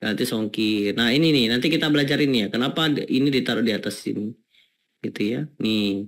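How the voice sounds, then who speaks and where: A man's voice: medium pitch, a little fast, a bit bright. A man hosting an online marketing webinar, talking casually and asking the audience whether they follow him, with many fillers. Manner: chatty, repeats rhetorical questions to the audience, many fillers. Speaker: webinar host teaching landing pages.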